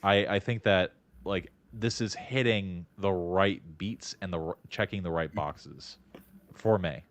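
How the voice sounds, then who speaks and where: A man with a lowish voice jokes his way through a casual critique. He is wry and often stumbles over the first words of a sentence before settling in. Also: a little slow. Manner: jokey, wry, stammering starts. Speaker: co-host reviewing copywriting.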